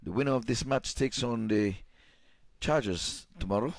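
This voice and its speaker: A man calling a live cricket match as commentator, his voice climbing high and loud when a catch or wicket comes. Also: normal speed, gravelly. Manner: rises sharply in pitch and volume at big moments.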